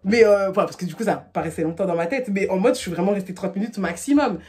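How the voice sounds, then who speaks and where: Fast-talking young woman telling a story. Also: medium pitch, a little mellow. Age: 20s. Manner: chatty, rapid, full of fillers and acted quotes. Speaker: storytime vlogger. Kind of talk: casual storytelling to camera.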